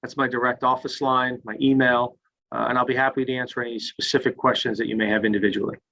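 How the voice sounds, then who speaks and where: A man's voice: mid-range voice, little pitch movement, fast talker, pushed and bright, highs cut off. Man presenting a webinar, screen-recorded call audio. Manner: plain, step-by-step, starts sentences with "so". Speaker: webinar presenter on retirement plans. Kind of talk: explaining and answering audience questions.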